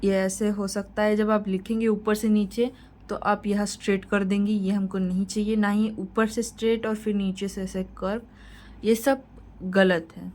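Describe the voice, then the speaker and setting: A woman's voice: mid-range voice, little pitch movement, normal speed, darkish tone, poor audio. Woman teaching step by step. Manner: instructive, repeats points, reassuring. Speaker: shorthand teacher. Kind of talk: tutorial lesson.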